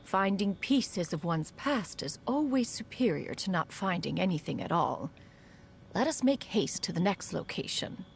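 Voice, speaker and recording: Woman putting on a solemn wise guide, lowish gravelly voice, formal and measured, game dialogue. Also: very animated, slight background noise, full character voice. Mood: composed. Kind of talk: reading game dialogue aloud.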